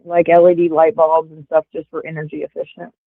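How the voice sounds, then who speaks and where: A woman in her forties, guesting on a livestream, chats casually and rambles with heavy fillers in a low, completely flat voice at a fairly quick clip. Via earbuds on a call, the line is tinny and phone-like, with no room sound.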